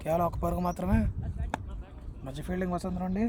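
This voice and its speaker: A high-voiced man calls a cricket match live in an excited commentary style. He is outdoors at the ground, and very heavy ambient noise surrounds his voice. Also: fast talker. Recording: very noisy outdoor ambient recording. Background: loud outdoor ambience.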